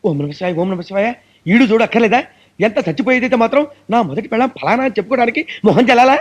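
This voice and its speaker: An actor playing a superstitious priest in a comic film scene, given to melodramatic wailing and despair. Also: male voice, high-pitched, expressive, racing. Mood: indignant. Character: superstitious middle-aged male priest, easily panicked.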